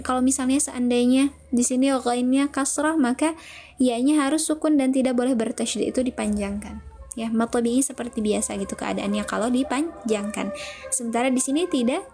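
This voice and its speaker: A woman with a high-pitched, darkish voice teaches Quran recitation in an online lesson. She patiently explains each step and reads viewers' answers and chat names aloud.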